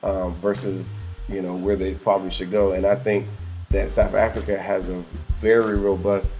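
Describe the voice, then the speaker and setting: Man, from North Carolina, low voice, middle-aged, casual business chat, repeats words, lots of fillers, faint music behind. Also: level tone, moderate pace, warm tone. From North Carolina, USA. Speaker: travel company co-founder.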